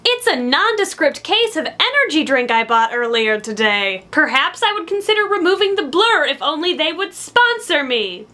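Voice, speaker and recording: High, lively woman hosting. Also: moderate pace, hardly any pauses. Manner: dry, sarcastic announcer delivery. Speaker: host. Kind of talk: mock game-show hosting. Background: background music.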